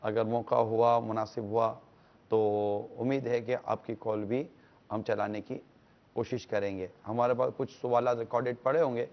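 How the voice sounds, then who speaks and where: A man's voice: mid-range voice, level tone, muffled recording. A man from Pakistan co-hosting a religious TV talk show, addressing viewers and inviting their calls. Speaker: co-host.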